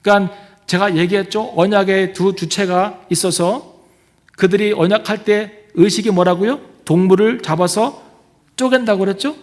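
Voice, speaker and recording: A man preaching a sermon as pastor, emphatic, questioning his congregation and dropping to hushed whispers for effect. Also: sits high, fairly even intonation, normal speed, big-room sound. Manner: emphatic, swings from loud declarations to hushed whispers; asks the congregation questions, tells family stories. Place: church.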